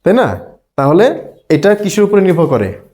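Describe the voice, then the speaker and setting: A man's voice: high-pitched, sing-song, moderate pace, a little mellow. Bangladeshi teacher questioning his class. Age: middle-aged. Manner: asks students questions, acts out tones. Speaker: ESL teacher. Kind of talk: classroom lecture.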